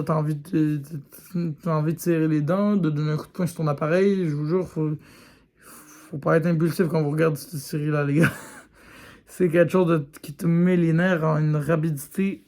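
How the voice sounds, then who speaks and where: With a fairly high, darkish voice, steady tone, and normal speed, a man records a casual video review of a series. He's frank with his viewers, addresses them straight on as "les gars", and fills his talk with plenty of fillers.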